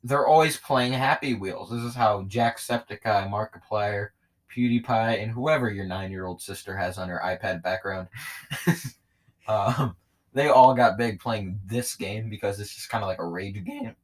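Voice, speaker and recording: A man's voice: fairly low pitch, normal speed. A man co-hosting a casual podcast, rambling through jokey gamer banter. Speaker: podcast co-host. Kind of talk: casual chat.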